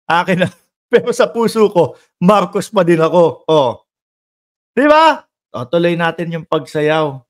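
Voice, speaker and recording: High-voiced teasing man. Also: sing-song, unhurried. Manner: teasing, laughs often, swings between loud chants and low asides. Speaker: political commentary vlogger. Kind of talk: casual mocking commentary.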